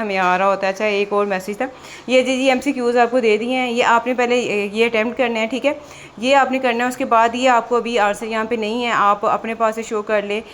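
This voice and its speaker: Woman teacher, middle pitch, chatty voice-over walking through a website. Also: slight background noise. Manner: chatty, repeats "theek hai" and "ye dekhiye". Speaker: exam prep teacher. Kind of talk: screen walkthrough tutorial.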